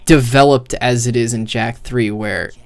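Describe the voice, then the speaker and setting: A streamer gives casual, rambling game commentary, blunt and profane and stuffed with "like." His medium-pitched voice is steady and unhurried. The recording is close and dry from a high-gain streaming mic, with some chatter in the background.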